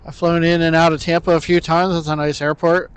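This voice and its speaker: A man hosting a livestream with casual, unhurried, musing commentary. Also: on the high side, flat delivery, clear, resonant tone. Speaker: livestream host. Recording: faint outdoor background noise.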